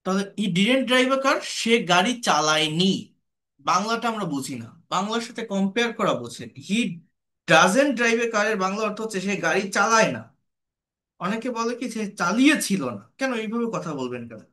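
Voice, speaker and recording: A man with a Bengali accent teaching English grammar, speaking slowly and patiently and repeating example sentences. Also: high voice, animated, sharp tone. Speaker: English tutor. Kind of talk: spoken grammar lesson.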